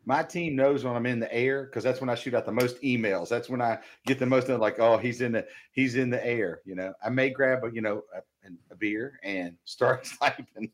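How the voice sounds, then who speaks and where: Joking man with a medium-pitched voice. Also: moderate pace, few pauses. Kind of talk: casual banter.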